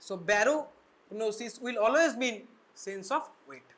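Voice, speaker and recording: Quick, bilingual woman lecturing medical students. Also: on the high side, fairly bright tone. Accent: Bengali. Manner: switches between English and Bengali, quick asides with questioning tag words. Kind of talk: classroom lecture.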